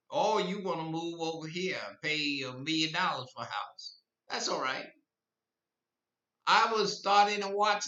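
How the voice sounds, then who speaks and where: An old man in his eighties talks through a rambling podcast monologue that turns impassioned. His voice is somewhat high and very bright and cutting. He sounds far from the mic in an echoey space, on a dull lo-fi recording. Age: 80s. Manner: rambling, repeats himself, grows impassioned. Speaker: podcast host. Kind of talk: rambling live-stream monologue.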